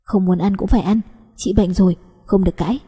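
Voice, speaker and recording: A woman narrator puts on a young cousin who is protective and tender, coaxing one moment and scolding the next. The voice stays dark and husky, with a long reverb behind it, as in an audio storybook. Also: medium pitch, steady tone, quick pace.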